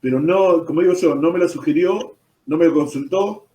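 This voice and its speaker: Argentine pastor guy telling his testimony, kinda higher voice, mellow tone, says viste a lot. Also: normal speed. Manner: storytelling, fillers like "¿viste?". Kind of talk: personal testimony in an interview. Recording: roomy echo, distant from the mic.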